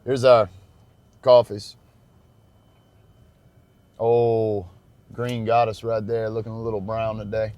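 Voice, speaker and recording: A man's voice: lowish voice, flat delivery, slow, pauses often, mellow. A young man, talking casually to viewers while driving a truck on a road-trip vlog. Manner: chatty, addresses viewers as y'all. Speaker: travel vlogger driving. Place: inside a moving truck.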